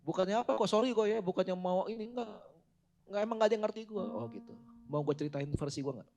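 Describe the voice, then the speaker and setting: Lively man in casual faith talk. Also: high-pitched, quick pace. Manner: animated, joking, quotes scripture. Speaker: co-host. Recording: music playing under voice.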